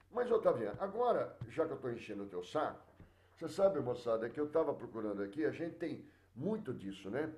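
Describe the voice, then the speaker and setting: A middle-aged Brazilian man teaching sociology in a casual, talkative way, his pitch jumping up and down as he speaks. He talks straight to his students, breaks off to restart his sentences, and fills the gaps with drawn-out fillers. The sound carries the echo of a hard room. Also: a little mellow. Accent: Brazilian Portuguese. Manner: chatty, addresses students directly, many fillers and restarts. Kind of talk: live online class.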